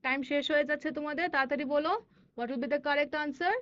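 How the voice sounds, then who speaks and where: High-voiced bengali-accented woman teacher, reads words out real slow, kinda muffled lo-fi audio. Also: steady tone, a bit bright. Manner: slow, deliberate word-by-word reading, switching to quick asides. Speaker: English teacher. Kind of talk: classroom lesson for children.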